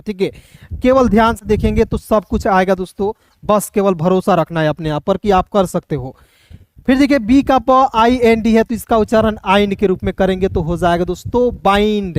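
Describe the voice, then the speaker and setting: A man's voice: high-pitched, no room sound, clean studio sound. A man teaching English spelling in a Hindi phonics lesson, spelling words letter by letter and often asking his friends if they follow. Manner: repeats "doston" and checks understanding often; slow, spelled-out letter-by-letter explanation.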